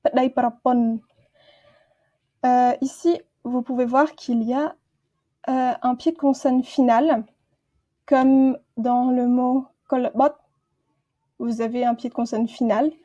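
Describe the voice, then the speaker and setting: Woman, language teacher, high voice, mellow tone, patient, repeats words, slightly dull recording. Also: steady tone, slow pace. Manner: patient, repeats each word twice. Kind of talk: slow vocabulary lesson with repeated words.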